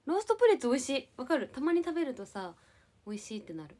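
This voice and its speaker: Lively young woman chatting on stream. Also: high-pitched, quick pace. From Japan. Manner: playful, giggly, answers viewer comments. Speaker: live streamer. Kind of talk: casual livestream chat reading comments.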